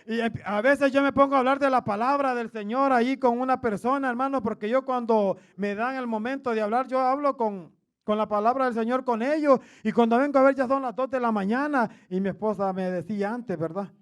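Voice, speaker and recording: High, gravelly-voiced male preacher, booming. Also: a little fast. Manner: says "hermano" after nearly every phrase; loud, booming voice. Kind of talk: sermon.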